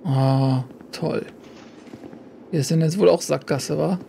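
A man's voice: fairly high pitch, slow pace, gravelly, dark tone, a little hiss or hum. A man giving casual gameplay commentary as a let's play host, chatty and jokey, talking to himself and the game.

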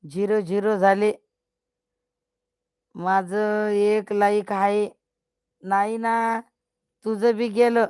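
A woman's voice: mid-range voice, flat delivery, extremely slow, pauses often, a little mellow, clear, resonant tone, no room sound, clean studio sound. An older woman hosting a casual live stream, teasing and scolding her viewers and often breaking into laughter.

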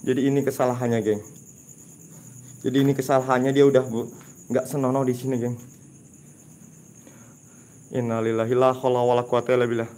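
A man hosting a live night-time ghost-hunting stream, talking in a hushed, urgent voice and often murmuring religious exclamations to his viewers. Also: medium pitch, level tone, fairly quick, pauses often, slight background noise. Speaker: ghost-hunting livestream host. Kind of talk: live paranormal ghost-hunt narration. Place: dark building at night, outdoors nearby.

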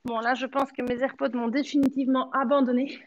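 This woman in her thirties, a fitness coach, runs a home workout in an indoor living-room studio, counting reps and giving short, encouraging cues while she moves. Her voice sits high, delivered flatly and fairly quickly, in a muffled recording.

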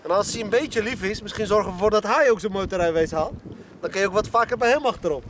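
A man's voice: high voice, quick pace, roomy sound, a crowd in the background. A man in his thirties talking casually, as a driving instructor does with people he knows. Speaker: motorcycle driving-school owner. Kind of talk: casual chat. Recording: clearly noisy handheld camera audio.

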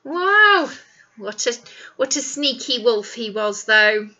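Reading a picture book aloud to little kids indoors in a small classroom, a middle-aged woman teacher asks them questions to coax them along. Her fairly high voice is very animated, pushed and bright, and she takes her time. The recording's high frequencies are cut off.

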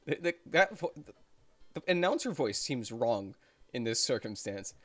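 A woman with an extremely low voice, casually chatting and narrating on a game stream. Her intonation is lively, though she is hesitant and takes her time, and the sound is dry. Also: moderate pace, no echo, faint music behind. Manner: hesitant, searching for words.

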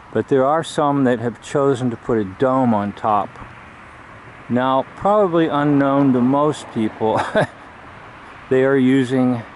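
A man giving earnest, measured religious commentary while filming a church outdoors. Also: medium pitch, a little mellow, poor audio. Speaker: video host. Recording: outdoor street noise behind.

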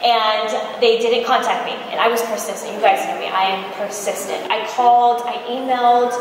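This American woman from Michigan, an entrepreneur who founded a cosmetics brand, speaks at normal speed in a fairly high voice. Her conference presentation is chatty and animated, full of stories and acted-out quotes, delivered on stage with a handheld mic through the PA in a large expo room. Heard from the audience, the sound is very echoey with faint noise behind it.

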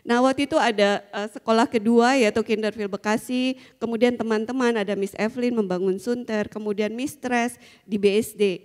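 A middle-aged woman speaks to a conference audience through a handheld microphone, her voice fairly high. She tells her stories in a loose, chatty way, full of fillers and little laughs. The sound carries a long reverb from a large hall. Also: darkish tone. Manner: chatty storytelling with frequent fillers and small laughs. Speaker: school founder giving a conference talk. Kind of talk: conference talk.

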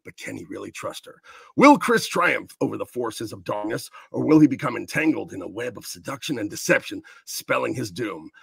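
A man doing a gravelly movie trailer announcer. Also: medium pitch, a bit bright, dry recording, heavily acted. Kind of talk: mock trailer narration.

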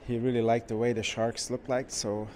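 A man who runs a car shop, walking through a car museum and giving casual, enthusiastic commentary with frequent pauses. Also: mid-range voice, flat delivery, a little mellow, slight background noise. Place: indoor car museum halls.

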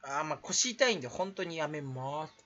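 A man's voice: on the high side, animated, a little fast, sharp tone. A man rambling jokingly to camera in a vlog, putting on a fake Kansai dialect, in a dull lo-fi recording. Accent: put-on Kansai dialect. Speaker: YouTuber. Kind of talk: casual solo vlog.

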